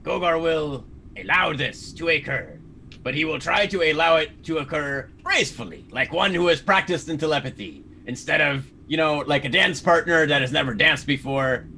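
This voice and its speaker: A man explains what his character does in a tabletop game, rambling and leaning on "like" and "you know". His voice sits a little high and sounds sharp and bright. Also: expressive, normal speed, slight background noise. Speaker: player.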